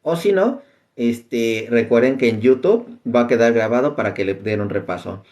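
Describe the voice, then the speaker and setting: A man with a middle-pitched voice teaches an informal apologetics class. He talks in a loose, conversational way and fills his pauses with "este" while he explains. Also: fairly even intonation, darkish tone. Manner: conversational, many fillers like "este".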